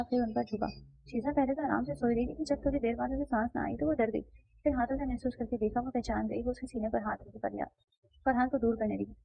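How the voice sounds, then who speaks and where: Gravelly-voiced woman reading a romance novel. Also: on the high side, no room sound. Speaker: narrator. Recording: dull, slightly muffled dry recording.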